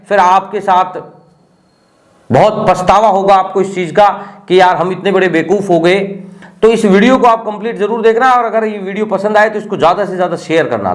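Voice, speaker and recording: A man hosting a video channel, talking casually and straight to his viewers as he explains how a scam works. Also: high-pitched. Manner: chatty, speaks straight to viewers. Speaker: YouTube channel host warning about scams.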